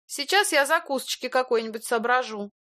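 A woman reading an audiobook, voicing a fussy young woman with a nasal, slightly husky voice and a needling, wheedling manner. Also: high-pitched, a little fast, pushed and bright, voice pushed up. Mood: chirpy. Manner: whiny, needling, sugary then cold. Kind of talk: audiobook character voice.

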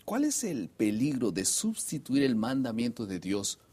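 Lively, husky lower-voiced man. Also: measured pace. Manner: guiding, reads scripture aloud, moves the talk on. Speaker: Bible study host. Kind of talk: casual religious discussion.

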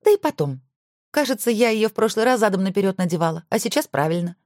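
A woman voicing a sly young woman dancer in an audiobook, coaxing and breathy. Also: mid-range voice, very animated, fast, darkish tone, dry recording, studio quality, pitched above the performer's own voice, natural voice.

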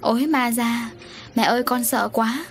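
Woman putting on a timid scared little sister type, whimpery and high-pitched. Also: brisk, a little hiss or hum, lightly acted. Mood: terrified. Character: younger daughter, timid and easily scared.

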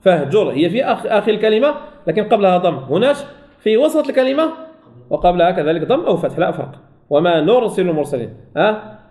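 A man teaching a Quran recitation lesson, who asks and answers his own questions and slowly repeats example words. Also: sits high, very animated, a little mellow. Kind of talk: recorded tajweed lesson.

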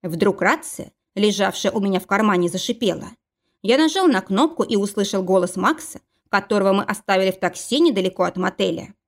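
A woman narrating a first-person audiobook in a steady, even reading style. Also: mid-range voice, brisk.

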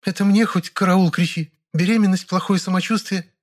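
A man reading an audiobook, voicing a scheming pregnant young woman with a shrill, hissing, indignant voice. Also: steady tone, brisk, natural voice. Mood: defiant.

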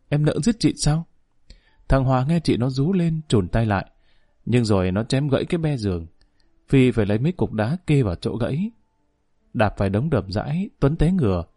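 Man, storybook narrator, dramatic reading, warm dark tone, dry close sound. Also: mid-range voice, no echo.

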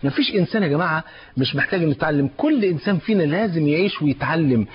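A man's voice: fairly high pitch, rapid-fire, breathy edge. A male preacher with an Egyptian accent giving a colloquial religious lecture, joking and acting out small everyday scenes. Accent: Egyptian Arabic. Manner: lively, joking, acts out little scenes. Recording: dull lo-fi sound.

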